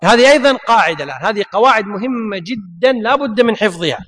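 A man's voice: sits high, animated, fast, a bit bright. A man teaching a grammar lesson, repeating his points and asking and answering his own questions. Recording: long hall reverb.

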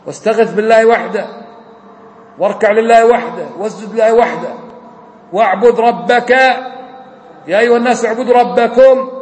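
A man preaching a sermon as an imam, fervent and swinging between near shouts and low, quiet lines. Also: a little hiss or hum. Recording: echoey hall with long reverb.

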